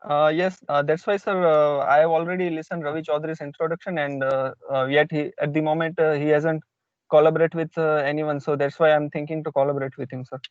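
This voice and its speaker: A man's voice: on the high side, little pitch movement, fast, clean tone, no echo. A man with an Indian accent introducing himself in an online class as a research student, hesitant and deferential. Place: in a car outside a hospital. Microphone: online call. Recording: dull lo-fi online call audio.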